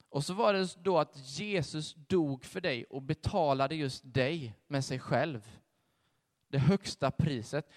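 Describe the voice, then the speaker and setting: A young man giving a sermon with a personal testimony, telling his story in a conversational, animated way. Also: a little high. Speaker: preacher. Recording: long hall reverb.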